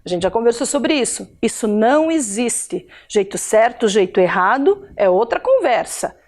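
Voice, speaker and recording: A woman's voice: on the high side, sing-song, normal speed, darkish tone. A woman teacher with a Brazilian Portuguese accent from Curitiba, giving a recorded video lesson to adult learners in a chatty way, often checking in with her listeners.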